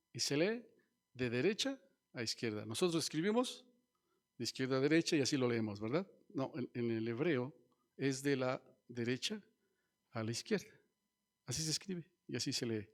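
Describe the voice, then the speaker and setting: A man preaching a sermon as pastor, teaching and asking the congregation questions. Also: medium pitch. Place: church.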